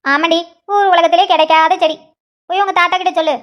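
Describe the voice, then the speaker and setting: A woman's voice: very high-pitched, steady tone, a little fast, fairly bright tone. A woman voicing a preachy village mother who scolds her grown daughter. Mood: nagging. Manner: nagging, preachy.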